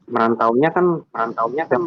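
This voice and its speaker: A man's voice: medium pitch, brisk, no echo. A man calling in to a livestream chat without a headset, his voice coming through choppy and breaking up as he repeats words and restarts his phrases. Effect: choppy, breaking-up online call audio. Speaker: guest caller on a livestream. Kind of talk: casual call-in chat. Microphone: computer without headset. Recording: muffled lo-fi call line.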